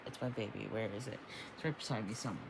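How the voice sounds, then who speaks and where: A man's voice: lowish voice, racing, creaky, background noise. A young man of about twenty chatting casually in a book vlog, rambling with lots of ums and restarts. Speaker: book vlogger. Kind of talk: casual bookish vlog chat.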